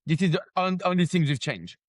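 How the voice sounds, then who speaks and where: With a French accent and broken English, a gym franchise founder from France responds to an interviewer, searching for vocabulary and tripping on grammar. His fairly high voice is animated and brisk. The sound is clean studio quality with no echo.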